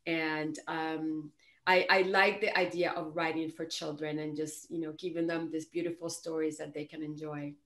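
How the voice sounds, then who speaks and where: A woman in her fifties from Puerto Rico with a Puerto Rican accent, chatting as a guest on a video call, animated and full of restarts. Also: low-pitched, moderate pace. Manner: animated, frequent restarts and "you know". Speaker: guest author. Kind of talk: casual interview chat. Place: home office, indoors.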